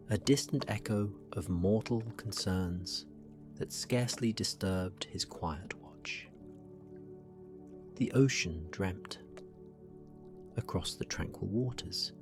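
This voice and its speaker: Slow, low-voiced male sleep story narrator. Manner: slow, gentle, soothing, often falling near a whisper.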